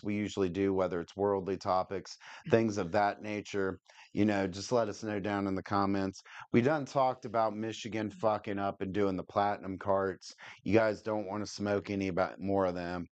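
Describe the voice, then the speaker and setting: A man's voice: lowish voice, fairly even intonation, normal speed, dry recording, highs cut off. A man, stoned, chatting casually as a livestream co-host in a laid-back, sweary stoner manner. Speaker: co-host of a cannabis podcast.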